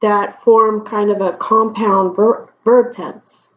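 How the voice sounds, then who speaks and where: Slow, deliberate woman teaching grammar. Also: medium pitch, fairly even intonation. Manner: slow, deliberate explanations with frequent check-ins. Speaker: Spanish teacher. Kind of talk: whiteboard grammar lesson. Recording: dull lo-fi recording.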